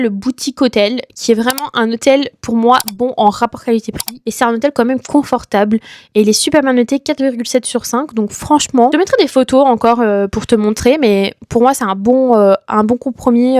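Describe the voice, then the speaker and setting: A woman's voice: fairly high pitch, darkish tone. A young woman giving casual, enthusiastic travel tips straight to the viewer. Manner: chatty, enthusiastic, addresses viewer as tu. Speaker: travel vlogger.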